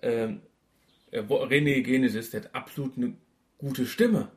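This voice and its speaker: A man's voice: medium pitch, normal speed. Chatty man with lots of fillers. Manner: chatty, hesitant with fillers and restarts. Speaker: podcast co-host. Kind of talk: casual chat reviewing a radio play.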